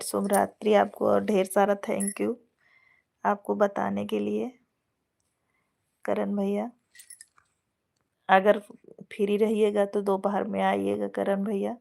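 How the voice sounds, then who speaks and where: A woman with an Awadhi lilt hosts a live stream and chats with her viewers. She talks slowly in a level, even tone. She greets and thanks people by name, in an affectionate, chatty way. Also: medium pitch, creaky. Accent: Awadhi Hindi. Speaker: folk singer hosting a live stream. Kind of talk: casual live chat with viewers.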